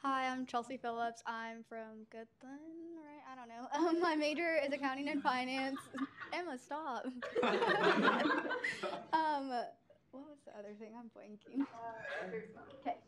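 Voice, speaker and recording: A woman's voice: high voice, a little slow, long pauses. A young woman, a student, introducing herself in a giggly, flustered way. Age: young adult. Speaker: student committee member. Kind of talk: self-introduction. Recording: crowd chatter behind.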